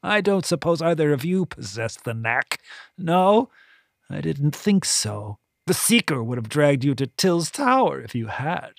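A narrator voicing a pompous, bitter middle-aged woman high priestess who talks in a haughty, drawn-out sneer. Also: very animated, creaky, no echo, clean studio sound. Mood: scornful.

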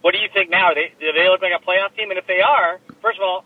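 A man with a somewhat raised, husky voice chats and jokes about sports, dropping plenty of fillers as he goes. He is calling in from his car over a low-quality laptop stream. The sound is thin and phone-like. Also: fairly even intonation, quick pace, no room sound. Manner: chatty, joking, lots of filler words. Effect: low quality remote stream audio. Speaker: sports podcast co-host. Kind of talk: casual sports chat. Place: inside a parked car. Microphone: laptop microphone.

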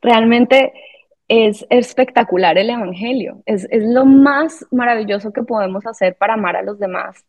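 A woman's voice: on the high side, moderate pace, darkish tone. Earnest woman speaking about faith. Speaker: podcast co-host. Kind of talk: casual faith discussion.

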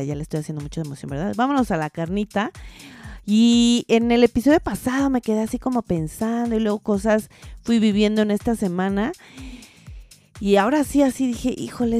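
A woman's voice: mid-range voice, dark tone. Chatty Mexican woman podcaster with playful asides. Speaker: podcast host. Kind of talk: casual conversational monologue.

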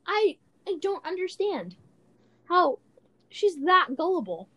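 A woman's voice: very high voice, sing-song, takes it slowly, fairly bright tone. A woman co-hosting a casual chat podcast, telling rambling stories with lots of giggles. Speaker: podcast co-host.

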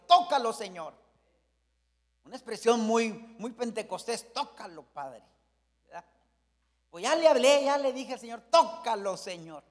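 A man preaching a fervent Pentecostal sermon, swinging between shouts and hushed storytelling. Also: very high voice, long reverb tail. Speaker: pastor.

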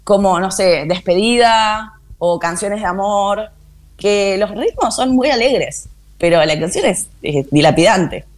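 A woman's voice: medium pitch, a little slow. A woman with an Argentine accent co-hosting a radio show, chatting casually and animatedly in slang. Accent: Argentine Spanish. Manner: animated, slangy, acts out lyrics. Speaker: radio co-host.

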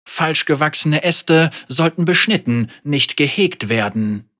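A man's voice: on the high side, lively intonation, a bit bright. Yasuo, a brooding swordsman, read by a narrator. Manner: terse, halting. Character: brooding male wandering swordsman, rough and bitter.

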